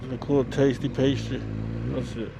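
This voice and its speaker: A man's voice: medium pitch, little pitch movement, moderate pace, creaky. A British man chatting casually and slangily to viewers on a helmet mic while out on a motorcycle, often musing aloud to himself. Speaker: motovlogger. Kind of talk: casual vlog chat, talking to viewers while riding. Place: outdoors on a motorcycle in town. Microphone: microphone inside a motorcycle helmet. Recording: helmet mic with traffic and engine noise.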